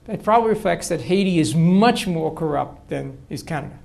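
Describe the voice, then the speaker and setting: Fairly quick and creaky, with a darkish tone, a fairly high pitch, and lively intonation, this older professor of political science answers audience questions at length during a university lecture Q&A, with many restarts.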